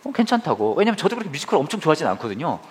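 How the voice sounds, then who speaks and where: A man's voice: on the high side, sing-song, very fast. A man in his forties preaching a sermon, telling humorous family stories and speaking directly to the congregation. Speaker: pastor.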